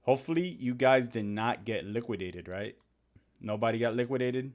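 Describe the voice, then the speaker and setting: A young man whose native language is Spanish hosts a laid-back live stream, chatting as he reads out viewer comments, responds to them, and discusses trading charts. His voice is mid-range with a darkish tone, and he keeps a moderate pace.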